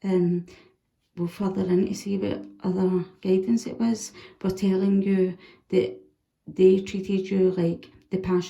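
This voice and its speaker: A woman giving a casual, chatty tarot reading, animated and swearing freely. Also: mid-range voice, gravelly, reverberant. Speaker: tarot reader.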